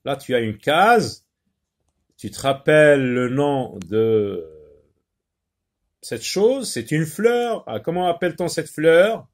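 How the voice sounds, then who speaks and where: A man teaching a phonics lesson to young children, slowly sounding out and repeating syllables, with frequent hesitations and short asides in another language. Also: fairly high pitch, very animated. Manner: slow, repeats words and syllables, explains in French with short Arabic asides; hesitant, many pauses and fillers.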